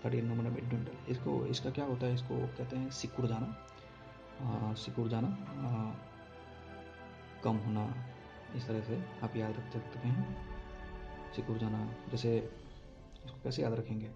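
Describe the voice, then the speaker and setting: A man's voice: medium pitch, fairly even intonation, a little slow, creaky, pauses often, highs cut off, over music. A man teaching exam vocabulary, explaining words and often checking that listeners follow along.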